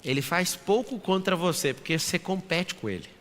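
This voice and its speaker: A man's voice: high voice, expressive, moderate pace, fairly bright tone. A Brazilian man with a Brazilian Portuguese accent giving a blunt, provocative motivational talk, acting out the people he quotes. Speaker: motivational speaker. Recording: long hall reverb.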